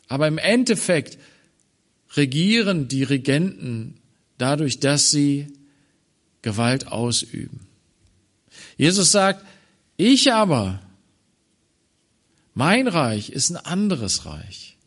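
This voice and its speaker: A man preaching a sermon on a Bible passage, swinging from loud emphatic phrases to quiet low ones. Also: very animated. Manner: slow, deliberate delivery.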